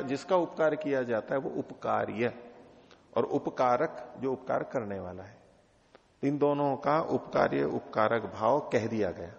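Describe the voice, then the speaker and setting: A man with a gravelly, rough-edged voice teaches a scripture class, reading lines slowly and then explaining them plainly with questions to his students. The recording sounds dull and muffled, with a long echo from a big hall. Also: medium pitch. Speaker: Vedanta teacher. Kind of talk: scriptural lecture.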